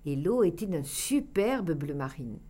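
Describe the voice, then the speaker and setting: A woman reading a children's tale aloud, expressive and dropping to a hush for dramatic passages. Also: on the low side, measured pace. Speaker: storyteller.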